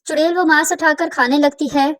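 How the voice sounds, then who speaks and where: A woman narrating a scripted cartoon horror story in a plain, steady telling. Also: high voice.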